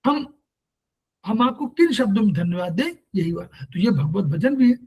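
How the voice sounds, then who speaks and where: A man's voice: high voice, sing-song, moderate pace, darkish tone, slightly rough, rough recording. A man teaching naturopathy in a spoken lecture. He asks his listeners questions and recites Sanskrit verses as he goes.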